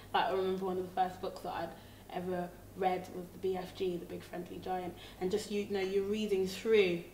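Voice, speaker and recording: A woman's voice: medium pitch, a little mellow, a little hiss or hum. A woman from Congo, a singer-songwriter, talking thoughtfully about her songwriting and searching for her words. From Democratic Republic of Congo. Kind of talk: reflective interview talk. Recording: roomy, slightly distant mic.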